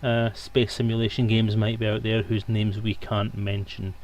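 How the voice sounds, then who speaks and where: The audio has its highs cut off and a little hiss or hum. A man with a lowish, darkish voice speaks at a moderate pace in a level tone, casually joking and digressing with viewers of his live stream over a headset microphone.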